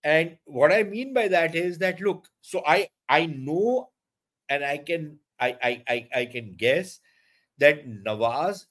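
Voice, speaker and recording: A man's voice: a little high, expressive, takes it slowly, fairly bright tone. A man from India with a North Indian accent giving opinionated analysis in an interview, speaking emphatically and slipping between languages mid-sentence. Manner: emphatic, code-switches into Hindi and Punjabi mid-sentence. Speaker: foreign policy commentator.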